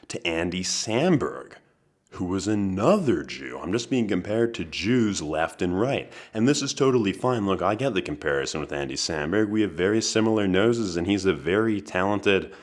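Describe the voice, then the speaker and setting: A man in his twenties hosting a podcast, delivering a comedic monologue in a dry, deadpan manner with wry asides. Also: deep voice. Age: 20s. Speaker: podcast host.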